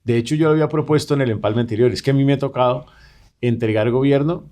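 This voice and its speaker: A middle-aged man, answering radio interview questions in a measured, earnest way from a studio. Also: mid-range voice, dark tone. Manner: measured, earnest, explaining at length. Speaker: vice president-elect, guest.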